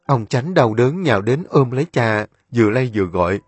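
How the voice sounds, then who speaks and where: A man's voice: mid-range voice, animated, normal speed, slightly rough, no echo. A man narrating a dramatic story in a storytelling voice.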